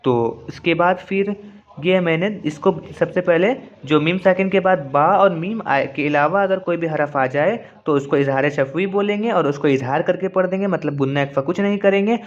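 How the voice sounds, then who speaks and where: A man with a fairly high voice teaches recitation rules in a patient lesson and goes over each point again and again. The recording sounds dull and lo-fi. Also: moderate pace. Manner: repetitive, patient explaining. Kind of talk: explanatory lesson with slow recited examples.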